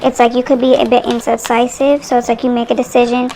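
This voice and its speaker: A young woman talks straight to her viewers through a tarot reading, rambling in a loose, chatty way. Her voice sits a little high and carries a gravelly fry. She is picked up on a phone microphone. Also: little pitch movement, fast, dark tone, slight background noise, low-quality recording. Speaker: tarot reader.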